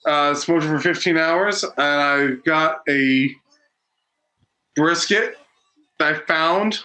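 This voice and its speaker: A man's voice: on the high side, takes it slowly, sharp tone, poor audio. A man co-hosting a casual watch-along podcast, rambling with many fillers and restarts. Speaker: podcast co-host. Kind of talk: casual chat.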